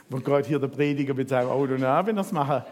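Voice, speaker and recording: Preacher in a reverberant hall. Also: male voice, mid-range voice. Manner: lively storytelling, asks the congregation questions. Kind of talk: sermon reading and retelling scripture.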